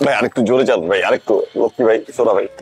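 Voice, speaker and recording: A man's voice: on the low side, very fast, darkish tone, soft background music, close to an everyday voice. An actor playing a desperate young man who begs for medicine for his sick mother, repeating words in panic. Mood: pleading. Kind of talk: TV drama acting.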